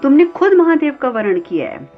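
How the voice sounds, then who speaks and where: A woman voicing a captive mountain king who shouts desperate pleas to his daughter, over a slightly dull recording with faint sitar music. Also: high voice, sing-song, normal speed, voice pushed up.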